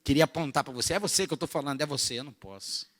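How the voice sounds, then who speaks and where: Male pastor with a Rio accent, bright, slightly high voice, lively sermon with loud bursts. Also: very fast. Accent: Rio de Janeiro Portuguese. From Brazil. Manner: animated, jokey, swings from soft asides to shouted bursts. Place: church retreat.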